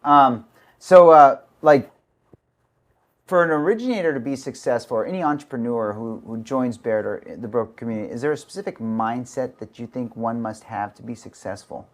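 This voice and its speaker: A man's voice: medium pitch, brisk. Guy hosting a podcast, chill, long rambly questions, says like a lot. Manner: casual, asks long rambling questions with many "like"s. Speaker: podcast host. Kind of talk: casual podcast interview.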